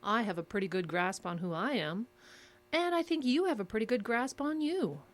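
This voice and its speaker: In an audio drama, an actress plays a controlled, secretive interrogator who asks clipped questions in a measured, coolly insistent manner. Her female voice runs on the high side, expressive yet close to everyday speech, with a cool, probing mood.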